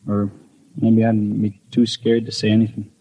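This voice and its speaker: Fairly low, monotone, mellow and husky at a normal speed, a man's voice portrays an imaginative, anxious postman in 1950s radio drama fashion. Brooding, he narrates his suspicions, then hesitates and stammers around others. The highs are cut off, and the audio resembles a 1950s broadcast with music.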